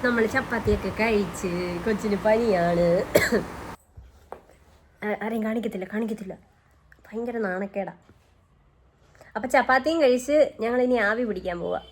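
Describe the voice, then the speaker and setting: A woman's voice: mid-range voice, moderate pace, pauses often, a little hiss or hum. A woman vlogging about her day in a chatty, casual way, often tagging friendly asides onto her sentences. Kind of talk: casual daily-life vlog narration.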